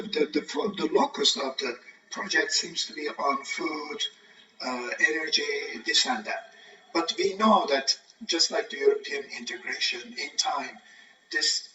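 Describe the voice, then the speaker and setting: A man's voice: mid-range voice, distant mic. A male professor on a panel, speaking over a group video call that sounds muffled and breaks up, hesitant with frequent filler sounds. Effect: group video call audio, muffled and breaking up. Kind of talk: panel discussion. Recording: muffled lo-fi call audio from off-mic.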